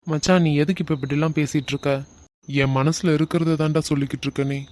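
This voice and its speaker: A man voicing an earnest young man in an animated love drama, with a Kanyakumari Tamil accent and a subdued manner. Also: fairly high pitch, fast talker, lightly acted. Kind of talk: animated web series voice acting.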